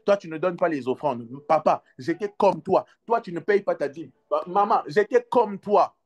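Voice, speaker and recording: A man with a high voice preaching a lively sermon. He acts out short exchanges with his flock and breaks into sudden loud cries. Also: moderate pace. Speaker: pastor.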